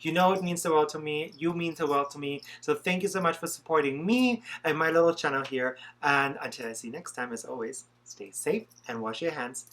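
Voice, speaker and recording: A man's voice: fairly high pitch, a little fast, few pauses, a bit bright. A young man doing a makeup tutorial vlog as a drag performer, chatty, playful and sassy.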